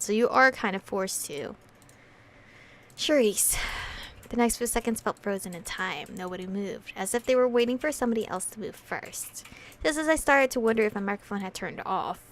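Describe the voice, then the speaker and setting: A woman plays through a visual novel casually, reading the story text aloud and reacting with slangy, sweary commentary. Her voice is a little high and creaky, with background music playing behind it.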